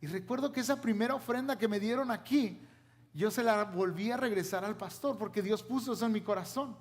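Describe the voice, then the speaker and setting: A man's voice: high voice, fairly quick, in a large hall. A man from Mexico, a pastor, preaching a sermon and asking the congregation rhetorical questions.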